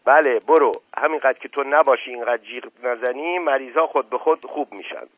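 A man's voice: medium pitch, no echo, close to an everyday voice. A man voicing a witty, mocking middle-aged prince who teases and scolds in a raised, sarcastic voice, over a muffled phone-like radio line. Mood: scolding.

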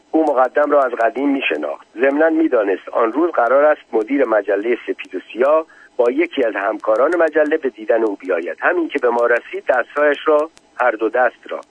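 A man narrating a memoir aloud in a steady, measured storytelling manner. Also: mid-range voice, slightly rough, dry recording. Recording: tinny lo-fi phone-like recording.

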